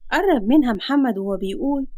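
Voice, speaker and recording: A woman with an Egyptian Arabic accent reads a romance aloud in a steady storyteller's voice. Her pitch sits a little high, and the sound is dry and close with no room. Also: fast, dry recording. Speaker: story narrator. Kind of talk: storytelling narration.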